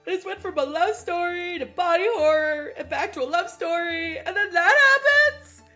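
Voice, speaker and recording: A woman's voice: on the high side, normal speed, soft background music. An actress playing an emotional young woman who reads a story aloud and is easily moved. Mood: tearful. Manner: expressive, easily moved to tears. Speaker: story reader.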